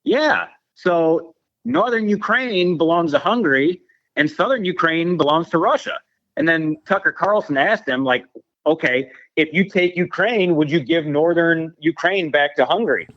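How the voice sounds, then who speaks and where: A man's voice: on the high side, lively intonation, moderate pace, fairly bright tone. A man telling a story in a casual podcast conversation, acting out the voices of the people he quotes. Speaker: veteran guest. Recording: dull lo-fi sound.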